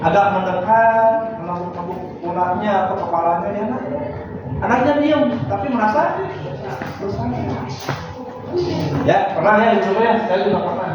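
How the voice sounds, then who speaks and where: Man, high-pitched, quizzing a room of teachers; distant, dull, echoey hall recording with noise. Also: moderate pace, pauses often, over music. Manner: quizzes the audience, acts out scolding teachers. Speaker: teacher trainer. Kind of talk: interactive workshop lecture.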